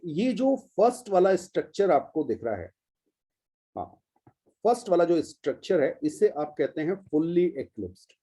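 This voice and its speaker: A man's voice: on the high side, warm tone, husky. Patient Indian male chemistry teacher. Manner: patient, step-by-step explaining, addresses students as "beta". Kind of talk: classroom lecture.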